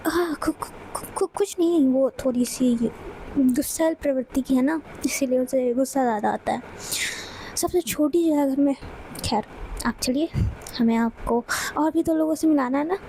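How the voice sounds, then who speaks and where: A woman's voice: high voice, normal speed, dark tone, a little hiss or hum, poor audio. A woman voicing a teasing young man who stammers when he is flustered, in a storybook reading. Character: young male groom, teasing and jumpy.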